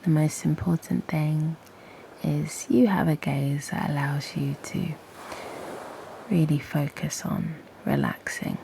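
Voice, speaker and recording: Her guided meditation is more expressive here, yet she remains gentle, very slow and soothing, with long, unhurried pauses. The low, breathy voice often slips into a creaky half-whisper, and some ambient noise sits behind it.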